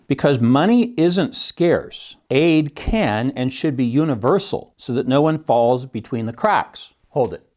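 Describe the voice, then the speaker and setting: A man's voice: medium pitch, a little mellow. A middle-aged man hosting a solo podcast, wry and scoffing, often laughing at his own points. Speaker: podcast host and economics teacher.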